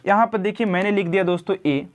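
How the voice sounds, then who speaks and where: Repetitive grammar teacher. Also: male voice, sits high. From India. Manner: repetitive, drills words slowly, addresses viewers as friends. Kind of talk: classroom-style lesson.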